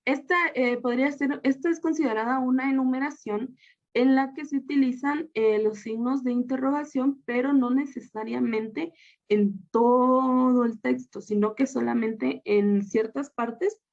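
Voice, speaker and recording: Talking a class through slides, this woman from Guatemala, a student teacher, speaks in a high-sitting, slightly mellow voice with fairly even intonation and a measured pace. Her explanations are full of fillers and restarts, captured on slightly dull, lo-fi audio.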